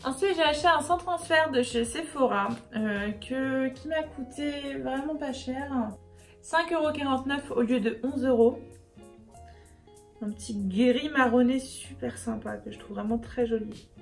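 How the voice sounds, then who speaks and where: A woman's voice: sits high, unhurried, faint music behind. A woman beauty vlogger chatting casually and upbeat through a makeup haul, with many fillers.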